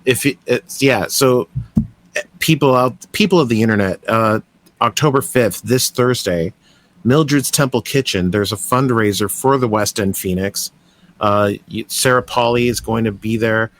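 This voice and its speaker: The recording is dry, and the young Canadian man's voice is mid-range and fairly bright at a moderate pace. Hosting a podcast, he chats casually with a guest, rambling eagerly and often restarting.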